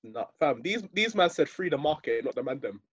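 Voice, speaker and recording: Husky young London roadman, animated and slangy. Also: fairly high pitch, brisk, no echo, muffled recording. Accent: London roadman, urban British slang. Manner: heavy slang, matey. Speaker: podcast co-host. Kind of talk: casual podcast banter.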